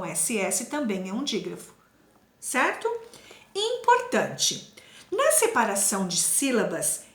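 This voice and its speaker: A woman teaching a primary school class, explaining slowly and carefully and repeating sounds for children. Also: mid-range voice, fairly bright tone, reverberant.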